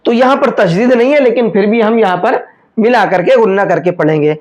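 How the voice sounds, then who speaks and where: A man teaching a step-by-step recitation lesson. He explains each rule patiently, often checks that it is understood, and draws out slow examples. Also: high voice, a little mellow. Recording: dull lo-fi recording.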